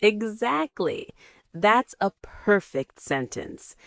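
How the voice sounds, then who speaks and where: A woman hosting a scripted English lesson, encouraging and spelling words out clearly for learners. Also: medium pitch, very animated, slow, a bit bright, no echo. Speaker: English teacher host. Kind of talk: scripted teaching dialogue.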